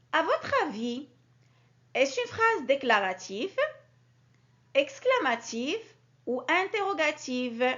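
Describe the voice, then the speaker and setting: A woman teaching a grammar lesson to young children, with a clear, sing-song teacherly delivery that stresses key words. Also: sits high, bright, forceful tone. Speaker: primary school teacher. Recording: dull lo-fi recording.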